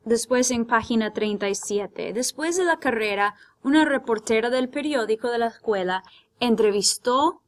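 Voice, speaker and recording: A woman's voice: medium pitch, a bit bright. A woman teaching Spanish vocabulary, patiently explaining words in Spanish and English. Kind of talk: vocabulary lesson, bilingual.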